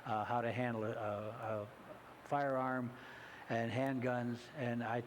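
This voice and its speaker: Male guest, mid-pitched, halting delivery, faint background hiss. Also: flat delivery. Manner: halting, full of hesitations. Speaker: hunter education instructor. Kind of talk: interview answers. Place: community TV studio.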